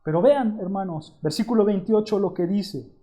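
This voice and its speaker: A man preaching a sermon as pastor, reading scripture aloud and calling his listeners brothers in a measured, emphatic way. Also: high-pitched, warm tone.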